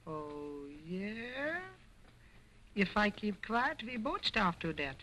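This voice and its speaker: An actor playing a cheeky wooden ventriloquist's dummy in a 1920s film, wisecracking with a squeaky sing-song puppet voice. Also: male voice, very animated, takes it slowly, pushed and bright, a little hiss or hum, full character voice, poor audio. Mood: sassy. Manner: wisecracking and sassy.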